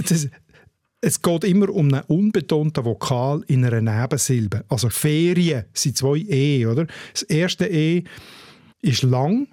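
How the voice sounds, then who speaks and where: A man's voice: on the high side, expressive, measured pace, a little mellow, no room sound, studio quality. A man with a Swiss German accent, co-hosting a radio show and patiently explaining dialect spelling step by step. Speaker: dialect expert co-host.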